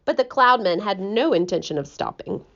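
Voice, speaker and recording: A woman narrating a children's story aloud in an expressive, animated way. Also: medium pitch, normal speed, lo-fi sound.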